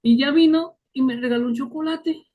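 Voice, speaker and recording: A man speaking to a faith group, telling stories in a casual, lively way. He often adds short tag questions and laughs along as he talks. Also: extremely high pitch, normal speed, phone-quality sound. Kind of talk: casual storytelling talk.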